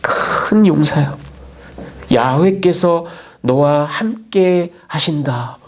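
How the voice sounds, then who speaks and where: A pastor voicing a solemn male heavenly messenger who speaks in slow, measured pronouncements. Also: high-pitched, darkish tone, pitched above the performer's own voice.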